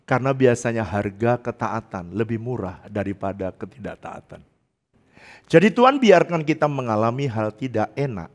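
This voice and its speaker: An older man preaching a sermon as pastor, laughing often and swinging between loud outbursts and hushed, low passages. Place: church, online service.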